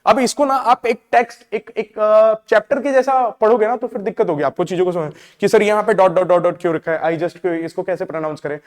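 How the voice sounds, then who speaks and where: A male English teacher explaining a play line by line, reading the English lines slowly and then explaining them, with frequent checking fillers. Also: sits high, big-room sound.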